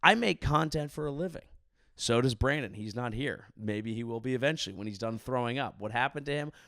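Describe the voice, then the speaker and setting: Drunk, rambling man with a creaky voice. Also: mid-range voice, lively intonation, a little fast, a bit bright, dry recording, studio quality. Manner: earnest, rambling, sweary. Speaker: content creator, vlogger. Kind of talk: rambling monologue to camera. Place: hotel room.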